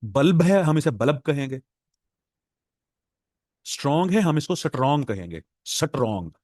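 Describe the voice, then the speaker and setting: A man's voice: fairly high pitch, sing-song, a little mellow, no room sound, studio quality. Pakistani man teaching a class. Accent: Pakistani Urdu. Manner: explanatory, repeats words slowly to drill pronunciation. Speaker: English professor lecturing exam aspirants. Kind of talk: classroom lecture.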